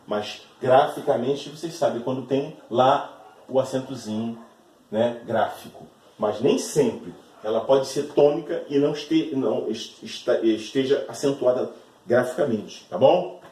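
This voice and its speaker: A man's voice: medium pitch, measured pace, dark tone, far from the mic. A male teacher giving a recorded grammar lesson, patient and explanatory, often checking in with short tag questions. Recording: echoey room, voice off-mic.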